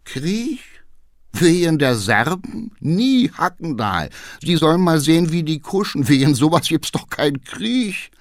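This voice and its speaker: A man reading aloud voices an irritable old privy councillor who goes high and shrill when he scolds. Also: big pitch swings, a little slow, no echo, studio quality. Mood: dismissive.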